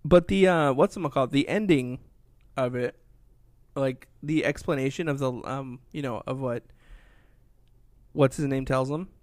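A young man co-hosting a casual podcast, rambling and searching for words with plenty of fillers. His voice sits at a middle pitch. It is recorded dry and close. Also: moderate pace, long pauses, dry recording. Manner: rambling, lots of fillers and likes, wraps up the show. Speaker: podcast co-host. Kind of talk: casual chat.

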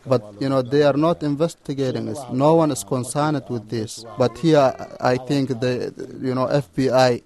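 A man working as a live interpreter, putting an interviewee's words into English in a halting way, full of "you know" and "like". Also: medium pitch, a little mellow. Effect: live interpreter voice, speaking English over a translated interview. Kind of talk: consecutive interpreting in a news report.

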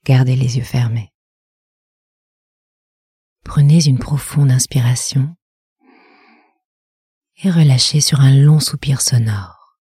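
A woman leading a guided meditation in a soft, half-whispered, measured voice. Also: a bass voice, slightly rough, no echo, clean studio sound.

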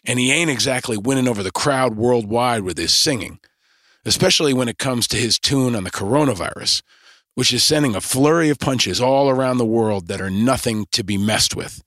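A man's voice: medium pitch, brisk, a bit bright, no echo, studio quality. A man hosting a podcast, delivering a scripted monologue in punchy, rallying lists. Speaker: podcast host.

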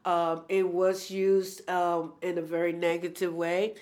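A woman in her sixties from New York City, an artist talking as a guest in a casual interview, halting and searching for words. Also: lowish voice, flat delivery, darkish tone. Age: 60s.

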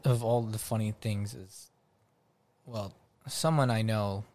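A man's voice: on the low side, takes it slowly. A man co-hosting a casual podcast, joking around and telling stories with energy. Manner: joking, lively storyteller. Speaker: podcast co-host. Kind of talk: casual chat.

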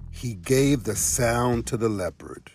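A man narrating a folk tale, telling it in an expressive storybook style. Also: medium pitch, slow, faint music behind.

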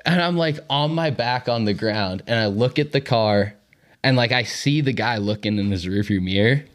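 A man's voice: medium pitch, normal speed. A man from Boston, a podcast co-host, telling a story casually, laughing and swearing often. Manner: laughs through his own story, swears freely.

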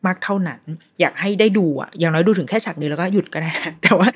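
A woman's voice: lowish voice, fast, breathy edge. Chatty woman hosting a review podcast. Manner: chatty, animated retelling with fillers and restarts. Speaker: podcast host reviewing a series. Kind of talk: casual solo review.

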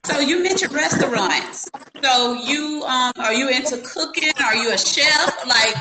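A woman's voice: sits high, measured pace, crowd noise. A woman hosting an interview over a video call who talks in an upbeat, encouraging way, and her call audio echoes. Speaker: interviewer, host. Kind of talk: casual interview.

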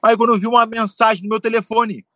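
A man telling a long story in casual chat, animated and swearing, acting out what others said. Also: sits high, fast talker, no room sound, clean studio sound. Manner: animated, swearing, acts out quotes. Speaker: storyteller guest.

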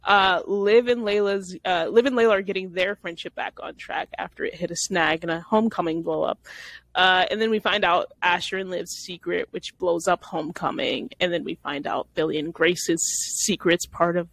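A woman's voice: on the low side, steady tone, normal speed, fairly bright tone. A woman hosting a casual podcast, recapping episodes, often laughing and restarting her phrases. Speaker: podcast host.

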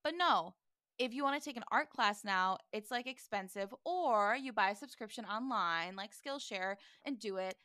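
Woman, young adult, podcast co-host, casual crude banter, bright tone, dry sound. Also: mid-range voice, animated, normal speed, no room sound. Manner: recaps the plot with acted-out quotes, crude jokes. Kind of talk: casual rewatch podcast chat.

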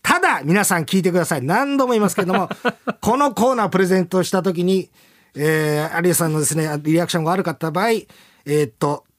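A man's voice: high voice, expressive, quick pace. A man hosting a radio after-talk, chatting casually and rambling with laughs between lines. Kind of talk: casual chat.

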